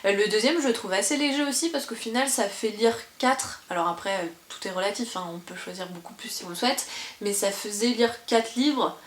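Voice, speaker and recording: A woman's voice: mid-range voice, brisk. Young female book vlogger, chatty and casual, recorded in a roomy, echoey living room. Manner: chatty, many fillers and restarts. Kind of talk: casual book presentation to camera. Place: parents' living room by her bookshelves.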